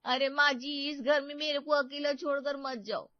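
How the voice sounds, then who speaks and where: A woman's voice: sits high, fairly even intonation, normal speed, dry recording, dull audio, close to an everyday voice. A woman voicing a naive, childlike young house maid who talks in a simple, colloquial, innocent way. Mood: meek. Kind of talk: animated story voice acting.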